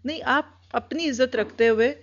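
Woman, fairly high voice, earnest instructional talk, lots of examples, dull lo-fi recording. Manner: earnest, gives many examples, repeats points for emphasis. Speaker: trainer of group leaders.

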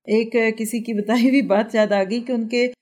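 A woman giving a calm, conversational religious lecture to women, often acting out short everyday anecdotes. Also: fairly high pitch. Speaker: religious teacher.

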